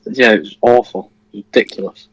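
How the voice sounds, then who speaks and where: A man's voice: on the low side, steady tone, moderate pace, rough recording. An eighteen-year-old man from Leeds, easygoing and jokey, co-hosting a casual football watchalong stream. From Leeds, England. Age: teens. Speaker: livestream co-host.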